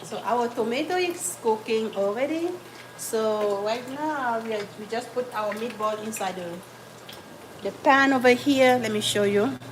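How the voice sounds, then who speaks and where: This woman from Cameroon hosts a cooking livestream at home in her kitchen, chatting, greeting viewers by name, and apologizing as she juggles jobs. Her voice is slightly high, and the poor audio picks up a little background noise.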